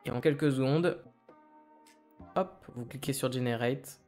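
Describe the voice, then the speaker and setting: A man walking viewers through a software tutorial, step by step, with a reassuring, friendly manner. His pitch sits in the middle range, and faint music plays underneath. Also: unhurried. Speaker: tech tutorial host. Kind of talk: screen-recorded tutorial.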